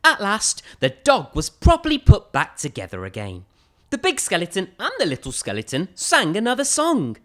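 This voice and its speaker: A woman reads a children's story with hugely varied, lively intonation. Her phrasing is theatrical and emphatic, at a middling pitch for a woman. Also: normal speed. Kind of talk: expressive children's storybook reading.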